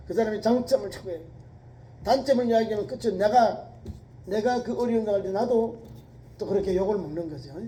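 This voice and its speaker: A man's voice: sits high, warm tone, poor audio. A middle-aged male pastor preaching a sermon in an earnest, exhorting way, often repeating key words for emphasis.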